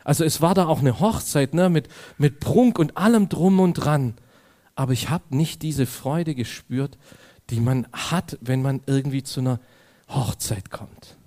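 A man's voice: mid-range voice, measured pace. A man preaching a sermon, telling a personal anecdote to his audience and acting out the dialogue in it. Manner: animated storytelling, acts out dialogue; addresses audience directly.

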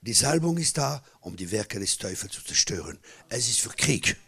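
A middle-aged man preaching a sermon as a pastor, hammering home repeated phrases and swinging between loud bursts and low, hushed asides. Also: sing-song, moderate pace, gravelly, breathy edge. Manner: repeats key phrases for emphasis.

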